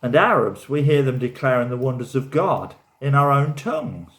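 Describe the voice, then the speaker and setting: A man's voice: mid-range voice, very animated, normal speed, a bit bright. A man reading the part of an amazed crowd member in a church Bible reading, declaring with wonder.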